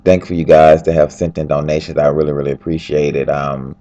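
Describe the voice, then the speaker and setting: A man with a deep, low voice talks straight into a handheld flip camera while lying in bed. He sounds freshly woken and tired, but he keeps his casual video diary chatty and upbeat, rambling from one thing to the next. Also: flat delivery, fairly quick, mellow, muffled recording. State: tired, just woke up. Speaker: fashion designer.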